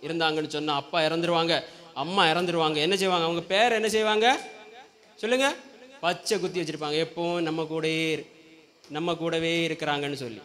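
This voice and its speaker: A man's voice: on the high side, fairly bright tone. A man preaching a Sunday sermon in a church, often asking the congregation questions and prompting them to call back. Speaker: pastor.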